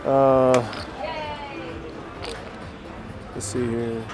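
A man's voice: mid-range voice, level tone, takes it slowly. A man chatting casually as he plays craps, repeating short rooting phrases and counting chips aloud. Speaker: craps player. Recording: music behind the voice.

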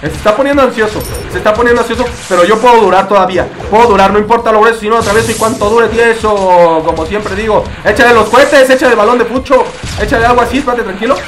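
Fast-talking high-voiced Mexican man. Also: a bit bright, slight background noise. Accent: Mexican Spanish. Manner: joking, rambling running commentary. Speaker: gaming video creator. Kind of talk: playing a mobile game on camera.

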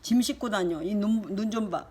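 An older woman, a grandmother, reading a picture book to her grandchild, lively and chatty with little asides. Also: medium pitch, moderate pace, noisy background. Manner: animated, shifting into character voices and asides.

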